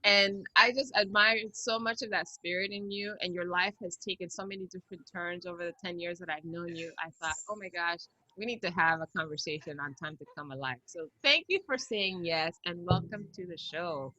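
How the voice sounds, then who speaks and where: Bright, enthusiastic woman hosting an interview. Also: fairly low pitch, fairly quick, hardly any pauses, low-quality recording. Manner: effusive, encouraging. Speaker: show host, interviewer. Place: home room with bookshelves. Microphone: computer on a video call.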